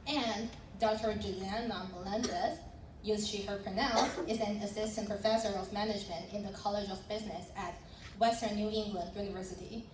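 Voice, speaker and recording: Young woman, panel moderator, friendly with fillers; roomy, distant conference audio. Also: medium pitch. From Taiwan. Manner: friendly, with light laughs and fillers. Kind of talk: panel introductions and presentation. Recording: roomy sound from a distant mic with background noise.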